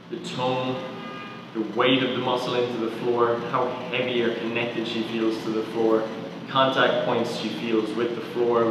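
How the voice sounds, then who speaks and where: A man guiding a body scan as a movement coach, asking calm step-by-step questions about each body part. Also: mid-range voice, noisy background. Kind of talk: guided body scan instruction. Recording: echoey roomy sound from far off.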